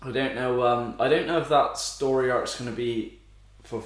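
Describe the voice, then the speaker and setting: A man's voice: medium pitch, normal speed. Man chatting in a big echo. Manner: informal, sweary. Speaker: podcast co-host. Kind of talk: casual gaming chat. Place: indoor room with strong echo. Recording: very echoey room, big echo.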